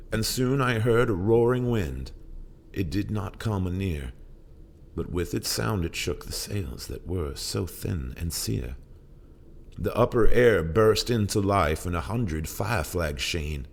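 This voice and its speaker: A man with a low, gravelly, heavily acted voice recites narrative verse solemnly and theatrically, playing a haunted old sailor recounting a ghostly ordeal at sea. The mood is haunted and intense, with plucked guitar music under the voice and a little hiss or hum in the recording.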